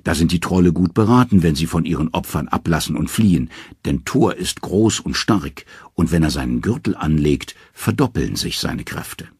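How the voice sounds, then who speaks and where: A man narrating a myth as an audiobook in an expressive, dramatic storytelling manner. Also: low-pitched, normal speed, slightly rough, dry recording, studio quality.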